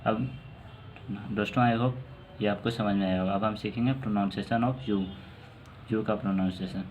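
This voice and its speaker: A man teaching English pronunciation in a calm online lesson, explaining rules and spelling out example words slowly. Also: fairly low pitch, highs cut off, a little hiss or hum.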